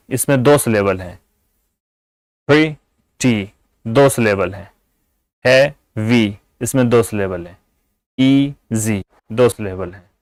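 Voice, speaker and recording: A man giving an English grammar lesson, explaining patiently in Urdu-flavoured Hindi and repeating example words slowly. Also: mid-range voice, dry recording, low-quality recording. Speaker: English teacher.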